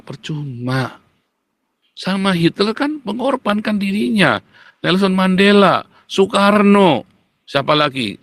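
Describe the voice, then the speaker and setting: A man preaching a sermon in an animated, boastful and scolding way. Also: fairly high pitch, dry recording. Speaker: pastor.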